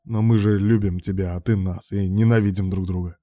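A sardonic young man, drunk and mocking, who twists every reply into a jab. A male narrator voices him in a low, mellow voice, kept dry and close. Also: steady tone, fairly quick, no echo, natural voice. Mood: drunk sneering. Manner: sneering, sarcastic.

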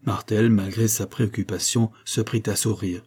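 Low, husky male audiobook narrator. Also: steady tone, moderate pace, darkish tone. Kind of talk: audiobook reading of a classic novel.

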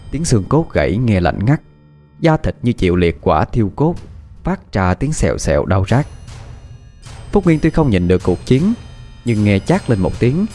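A man reads a martial fantasy tale aloud with dramatic expression. His voice sits low but moves lively in pitch, and faint music plays beneath the narration. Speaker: audiobook narrator. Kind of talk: scripted story narration. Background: faint background music.

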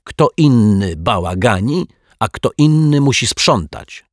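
A man's voice: medium pitch, expressive, takes it slowly, no echo, clean studio sound, pitched above the performer's own voice. A man reading a children's story, voicing a worn-out older caretaker who sighs and grumbles gloomily. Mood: gloomy. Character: weary older male caretaker, anxious and gloomy.

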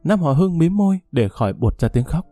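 A man narrating a dramatic story in a measured way. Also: fairly high pitch, big pitch swings, dark tone, no room sound, soft background music.

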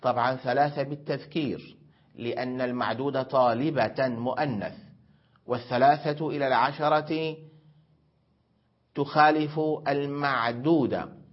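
A middle-aged man teaching a grammar lesson, slowly repeating examples and drawing out his words. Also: medium pitch, fairly even intonation. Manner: slow and deliberate, repeating examples with drawn-out words. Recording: dull lo-fi recording.

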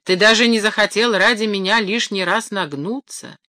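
A woman's voice: medium pitch, normal speed, pushed and bright, no room sound, studio quality, close to an everyday voice. A woman voicing boiling water as a vengeful female spirit in a storybook reading.

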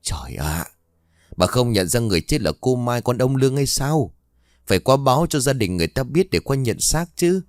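A man voicing a stern, gruff older village man giving orders. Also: mid-range voice, sing-song, moderate pace, no room sound, studio quality, voice pushed up, close to an everyday voice. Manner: gruff, commanding.

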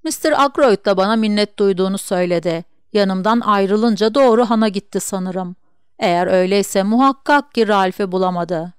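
A woman's voice: medium pitch, moderate pace, clear, resonant tone, no echo, studio quality, close to an everyday voice. A woman voicing a gossipy, proud middle-aged sister in an audiobook reading, with eager, insistent chatter.

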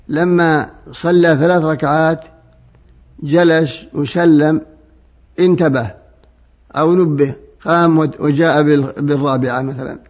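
Male religious scholar, higher-pitched voice, didactic step-by-step answers in formal Arabic with some colloquial turns. Muffled old radio sound. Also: darkish tone. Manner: didactic, explaining step by step with examples.

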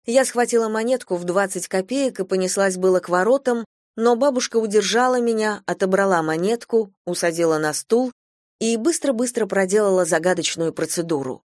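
A woman calmly narrating a storybook in first person. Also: medium pitch, fairly quick, no echo, studio quality.

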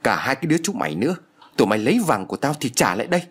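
A man's voice: medium pitch, very animated, fast, breathy edge. A man playing a greedy, cunning older woman who screeches accusations in a storybook reading. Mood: furious shrieking. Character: greedy shrewish older woman, shrill, furious.

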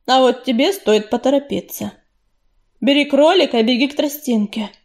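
A woman voicing a stern male cat clan leader, curt and gruff in an audiobook. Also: high voice, normal speed. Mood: brusque.

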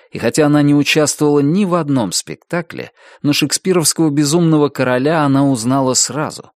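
A man reading a novel aloud as an audiobook narrator, measured and expressive, slowing down to stress key words. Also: medium pitch, dry recording, studio quality.

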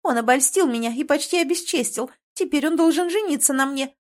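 A woman's voice: high-pitched, measured pace, voice pushed up. Woman voicing a sing-song scheming dragoness. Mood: indignant. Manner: sing-song, wheedling, theatrical.

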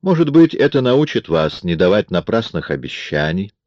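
A man voicing a cold, mocking man in an audiobook, with a smooth, coolly taunting manner. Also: low-pitched, big pitch swings, normal speed, darkish tone, no room sound, lo-fi sound. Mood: menacing. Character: cold, mocking man forcing himself on a woman. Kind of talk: audiobook character reading.

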